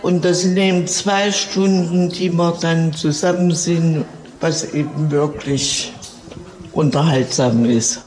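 A woman in her seventies, a resident of assisted living, answering interview questions in a relaxed, chatty way. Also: low voice, takes it slowly, low-quality recording. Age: 70s. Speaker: care home resident.

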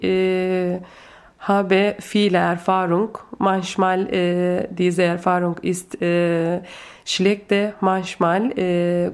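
Slow, hesitant woman. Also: mid-range voice, darkish tone. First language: Turkish. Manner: hesitant, many filler sounds. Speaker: guest reader, former teacher. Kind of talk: halting personal statement.

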